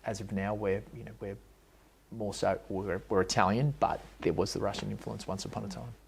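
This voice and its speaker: This rough recording, with a little hiss or hum and loud background music, captures a bar owner running for mayor answering interview questions. He rambles and hesitates with many restarts, in a lowish, creaky voice that is fairly quick with fairly even intonation.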